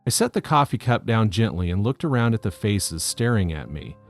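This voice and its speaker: A man calmly reading out a first-person story as scripted narration. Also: fairly low pitch, brisk, soft background music.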